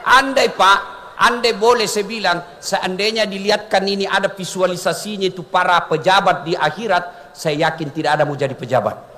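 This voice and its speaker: A man giving a humorous sermon, joking and animated, asking his audience questions. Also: high voice, normal speed, big-room sound. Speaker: Islamic preacher.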